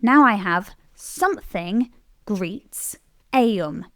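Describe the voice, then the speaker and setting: A woman explaining Latin grammar in a scripted lesson, clearly stressing the key words. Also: mid-range voice, animated, extremely slow, no echo, clean studio sound. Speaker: Latin teacher.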